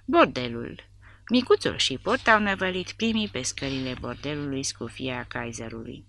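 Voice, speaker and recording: A woman reading a novel aloud as an expressive narrator. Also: extremely low pitch, creaky. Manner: expressive storytelling. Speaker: audiobook narrator. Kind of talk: scripted narration.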